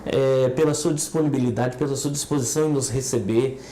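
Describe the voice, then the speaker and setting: A Brazilian woman with a low, mellow voice conducts a conversational interview. There is faint noise behind her. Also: a little fast, roomy sound, low-quality recording.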